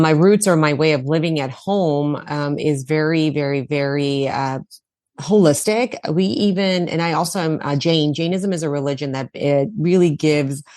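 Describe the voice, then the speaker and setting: A woman from India, a dentist, talking in an animated way as an interview guest, with frequent fillers and repeated words. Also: low voice, no echo, clean studio sound. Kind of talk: casual interview talk.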